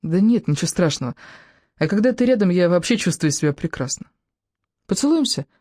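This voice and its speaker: A woman voicing a feverish young woman, soft and affectionate. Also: lowish voice, animated, a little fast, dry recording, clean studio sound. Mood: tender.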